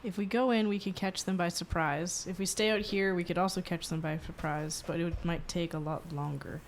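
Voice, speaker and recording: A woman playing in a tabletop role-playing game, reasoning aloud in a measured way. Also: lowish voice, fairly even intonation, slight background noise. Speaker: player. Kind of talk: casual game talk.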